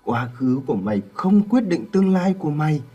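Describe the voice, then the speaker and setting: A man doing a frail, fatherly old man in a ghost-story reading, his voice weak and strained. The tone is mellow and a little husky, with soft music underneath. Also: a little high, big pitch swings, a little fast, voice pushed up. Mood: weak pleading.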